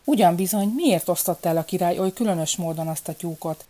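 A woman's voice: lowish voice, mellow, natural voice. Puzzled old peasant mother, read by a woman.

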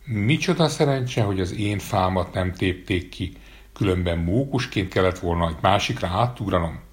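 A man's voice: sits low, close to an everyday voice. A man voicing a boastful, clever little male tailor in a storybook reading, bragging and breezy. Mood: cheeky.

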